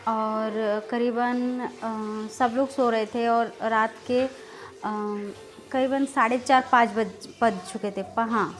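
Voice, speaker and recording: A woman in her thirties vlogging, telling a personal story in a rambling, hesitant way with many filler words that turns agitated and loud. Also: on the high side. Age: 30s. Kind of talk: casual storytelling vlog.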